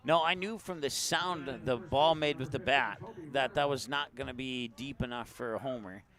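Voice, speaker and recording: Relaxed male baseball play-by-play announcer. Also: normal speed, a crowd in the background. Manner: easygoing, chatty between pitches. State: has the hiccups.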